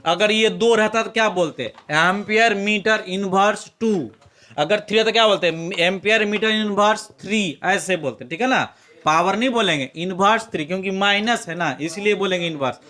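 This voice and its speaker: A man's voice: high-pitched, moderate pace, bright, forceful tone. A male physics teacher with a Bihari Hindi accent, giving a classroom lecture with a hands-on demonstration and coaxing students to repeat terms aloud.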